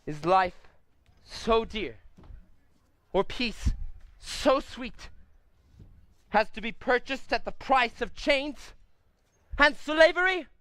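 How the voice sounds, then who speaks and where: A man's voice: extremely high pitch, expressive, slow pace, long pauses, sharp tone, no room sound, full character voice. A man voicing a fiery orator in a cartoon, speaking in an impassioned, declamatory way. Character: fiery orator rousing colonists to war.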